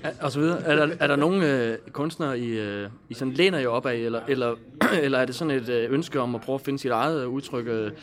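A man's voice: mid-range voice, few pauses. A Danish man interviewing a band, asking informal, searching questions. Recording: crowd chatter in the background. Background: crowd.

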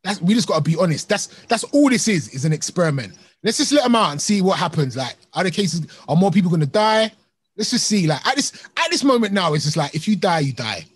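A man's voice: high-pitched, big pitch swings, fast talker, husky. A man talking informally and emphatically in a casual discussion, often repeating his points.

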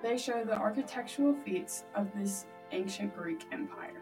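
A woman's voice: mid-range voice, moderate pace. A woman reading out facts in a school presentation. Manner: steady, reads out facts. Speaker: class presenter. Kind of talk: read-aloud school presentation. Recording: distant mic with music behind.

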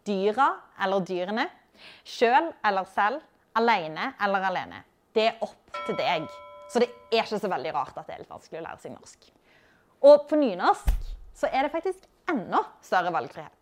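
A woman hosting a writing-tips show, explaining in a friendly, direct teaching manner, recorded at a library and culture house. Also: mid-range voice. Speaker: host giving writing tips. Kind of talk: scripted explanatory lesson.

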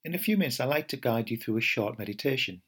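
A middle-aged man, a meditation teacher giving a gentle, unhurried podcast talk with fillers and restarts. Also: medium pitch, animated, husky.

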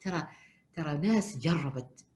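A woman, a family counselor giving a lecture and retelling counseling stories, animated and acting out the people she quotes with sudden jumps in pitch. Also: a little slow.

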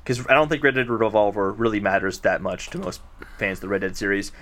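A man co-hosting a podcast, talking in a relaxed, explanatory way with a few fillers. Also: fairly low pitch, fast talker. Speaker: podcast co-host. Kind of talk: casual chat.

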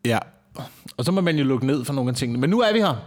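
A man's voice: medium pitch, animated. A man co-hosting a casual podcast from an office, telling crude, joking stories. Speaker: podcast co-host, performer.

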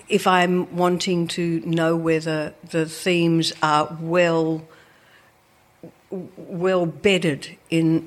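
A woman with a lowish voice and slushy, sh-like s sounds talks to an audience about her book as a novelist. Her talk is conversational, reflective and prone to digressions.

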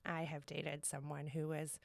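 Low-pitched woman with vocal fry. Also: level tone, unhurried, no echo, clean studio sound. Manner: informal, rambling, heavy use of "like". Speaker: interview guest, blogger and social media creator. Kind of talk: casual, candid chat.

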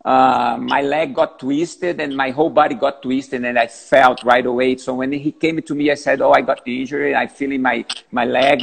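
A man in his fifties, a big wave surfer, answering interview questions in halting, repetitive English, calling in from a gym. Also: fairly high pitch, vocal fry, breathy edge. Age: 50s. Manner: halting, repeats words, non-native phrasing.

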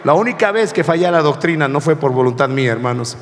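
A male pastor telling a personal story in a sermon, speaking slowly and deliberately and calling his listeners brothers. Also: a little high, animated. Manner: slow and deliberate, addressing the congregation as brothers. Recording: long hall reverb with faint music.

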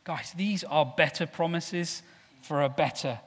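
A man preaching a sermon with passion, swinging from loud declarations to soft, low asides. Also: a little slow. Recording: long hall reverb.

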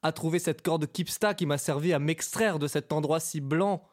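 A man's voice: a little high, normal speed, darkish tone, pitched above the performer's own voice, natural voice. Earnest schoolboy hero, slightly whiny, played by a man. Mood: earnest plaintive.

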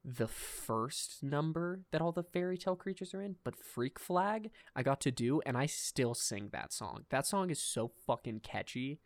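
A young man in his twenties hosting a casual podcast chat, animated, laughing often and filling his talk with "like" and "dude". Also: on the high side, normal speed, hardly any pauses, no room sound. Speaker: podcast host.

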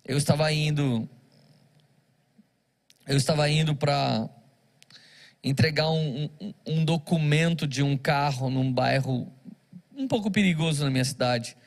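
A man's voice: on the high side, unhurried, pauses often. A man, a pastor, preaching a sermon, telling stories and acting out the dialogue. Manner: storytelling with acted-out dialogue.

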